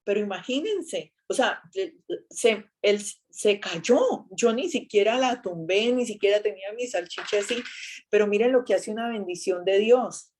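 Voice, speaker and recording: A woman gives a casual faith talk in a chatty, animated way. She tells a personal story with lively exclamations, and her voice sits at an ordinary, middle pitch for a woman. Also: moderate pace. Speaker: speaker giving a faith talk.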